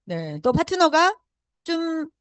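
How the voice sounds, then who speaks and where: A woman's voice: very high voice, sing-song, slow, a bit bright, no room sound. A woman giving a motivational talk, urging the audience with rhetorical questions and repeated affirming fillers. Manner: emphatic and urging. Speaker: motivational speaker.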